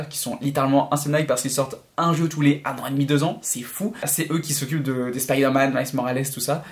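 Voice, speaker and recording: A young man talking casually and enthusiastically in a vlog, rambling with many fillers and restarts. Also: medium pitch. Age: young adult. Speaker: YouTuber.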